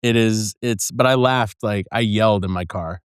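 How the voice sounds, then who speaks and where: A man's voice: on the low side, moderate pace, smooth, no echo, studio quality. A man co-hosting a podcast in casual chat, swearing often and poking fun at himself. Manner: profane, self-deprecating, jokey. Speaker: podcast co-host.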